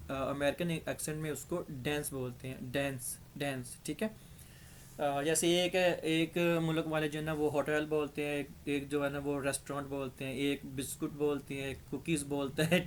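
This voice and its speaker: Pakistani male tutor, slightly raised pitch, slow patient explaining, dryish throat. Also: a little hiss or hum. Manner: patient, step-by-step explaining, repeats examples. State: dry throat. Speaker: English teacher. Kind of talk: grammar lesson.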